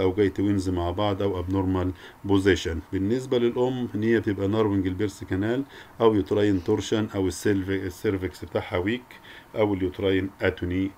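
A veterinary lecture presenter with an Egyptian Arabic accent gives a recorded academic lecture, sprinkling in English technical terms. His voice is fairly low and mellow, with a slight hiss or hum on the recording.

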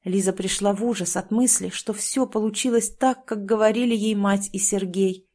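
A woman's voice: mid-range voice, fairly even intonation, moderate pace, dark tone. A woman narrating a novel as an audiobook, telling the story expressively.

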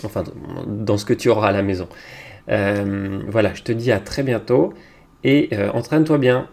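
A man teaching young children, talking slowly and patiently, with hesitant fillers. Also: fairly low pitch, fairly even intonation. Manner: speaks slowly to a child, hesitant fillers, loudly claps out each word. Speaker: kindergarten teacher.

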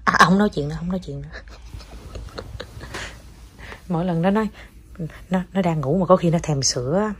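A woman's voice: on the low side, racing, fairly bright tone, slight background noise. A woman, a mother chatting casually to viewers at home while teasing her young child.

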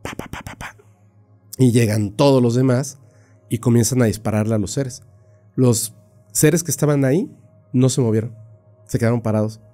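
Man, podcast storytelling, casual and animated, filler-heavy, deep mellow tone, faint background music. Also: normal speed, pauses often. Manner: animated retelling with many fillers and mouth sound effects.

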